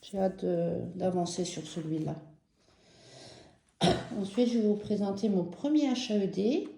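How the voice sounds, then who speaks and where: French woman vlogger, unhurried, very dark mellow tone, roomy echo. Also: medium pitch, vocal fry. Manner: slow, gentle and enthusiastic, with many fillers. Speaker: embroidery vlogger. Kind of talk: casual show-and-tell vlog.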